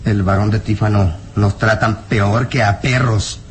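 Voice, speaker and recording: Fairly low and steady, close to an everyday voice, a male actor plays a burly, frightened peasant villager in a melodramatic radio drama with slight background noise. His bitter, fearful speech is anguished, emphatic and halting.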